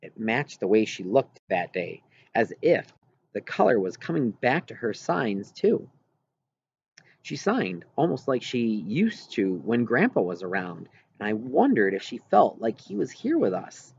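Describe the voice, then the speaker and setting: A man's voice: on the low side, very animated, unhurried, a little mellow. A man reading a first-person story aloud as scripted audiobook narration. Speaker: audiobook reader. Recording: muffled, clearly noisy home recording.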